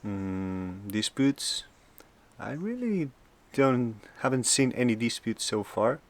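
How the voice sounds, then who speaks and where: A man from Spain, answering questions casually in an unhurried, thoughtful way with pauses. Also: medium pitch, expressive.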